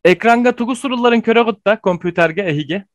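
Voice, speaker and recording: Guy teaching a language class online, kinda high voice, stops and goes uh a lot. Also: dry recording. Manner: explanatory, pausing with fillers.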